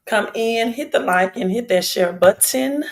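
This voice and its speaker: Speaking at a measured pace with a fairly high pitch, this woman runs a casual live stream. Her raspy, hoarse voice addresses viewers directly, and she repeats phrases to stress her points.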